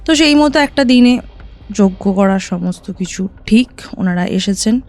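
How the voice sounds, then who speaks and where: A woman telling a listener her own ghost story in a casual podcast chat, vivid and animated, often asking "right?". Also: medium pitch, unhurried, soft background music. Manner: recounts events vividly, often checking in with "right?".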